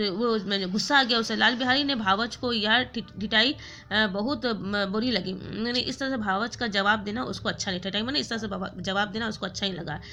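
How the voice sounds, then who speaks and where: A woman's voice: mid-range voice, pushed and bright, slight background noise. A woman teacher retelling a story for a class, stopping often to explain words, with many fillers and self-corrections.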